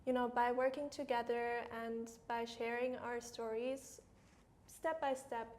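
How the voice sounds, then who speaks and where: A woman's voice: fairly high pitch, fairly even intonation, measured pace, darkish tone. A young woman co-hosting a podcast, speaking reflectively and articulately in casual chat. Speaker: podcast co-host.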